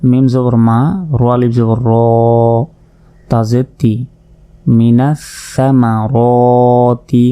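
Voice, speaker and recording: A middle-aged man teaches Quran reading slowly and patiently, spelling each Arabic word sound by sound. His voice is dark and mellow, and his pitch stays level and even. He explains each rule methodically, the way a teacher does in a lesson.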